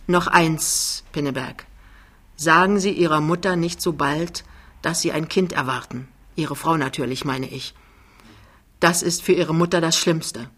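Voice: medium pitch, a little slow, bright, forceful tone, husky. A reader voicing a big, talkative, overbearing man who confides and gossips. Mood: confiding.

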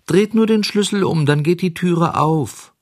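A man doing a high prim little cricket. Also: a little slow, darkish tone, dry recording, clean studio sound, natural voice. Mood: calling. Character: cricket, small wise fussy creature. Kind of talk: audiobook character voice.

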